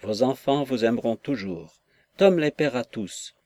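A tender young girl begging her father softly, read by a male narrator. Her lines come as a gentle plea in an audiobook, lifted slightly above the reader's usual voice. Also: medium pitch, lively intonation, unhurried, no echo, close to an everyday voice. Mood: pleading. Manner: pleading. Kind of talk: audiobook reading.

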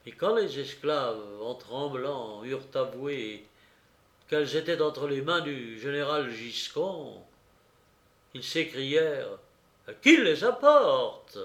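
Slow, echoey male literary narrator. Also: medium pitch. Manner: slow, measured reading that rises sharply for quoted shouts. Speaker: audiobook reader.

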